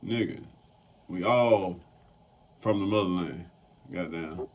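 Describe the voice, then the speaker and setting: A man's voice: low voice, slow. A man hosting a casual roundtable chat, loose and profane, rambling as he talks. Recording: dull lo-fi sound, faint noise.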